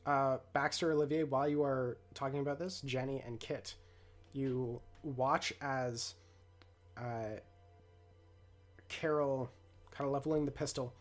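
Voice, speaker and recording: A man's voice: mid-range voice, steady tone, unhurried, long pauses. Man narrating a tabletop game, music behind. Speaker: game master.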